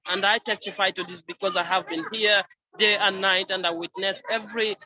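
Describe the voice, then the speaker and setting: A man's voice: high-pitched, steady tone, brisk, pushed and bright, poor audio. A man from Sudan, speaking as a refugee spokesman at an outdoor protest, earnest and insistent. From South Sudan. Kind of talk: press conference testimony over a call. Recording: crowd noise from an outdoor protest. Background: crowd.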